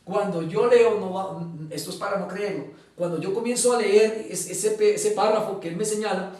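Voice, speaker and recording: A man gives an earnest personal testimony in an interview, acting out the dialogue he quotes and pausing on filler sounds. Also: high-pitched, fairly even intonation, darkish tone. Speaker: guest giving testimony. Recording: echoey room, mic at a distance.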